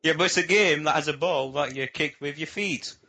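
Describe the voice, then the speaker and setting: A man's voice: a little high, brisk, bright, forceful tone, breathy edge. A man co-hosting a casual gaming chat, full of cheeky, crude banter. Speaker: podcast co-host.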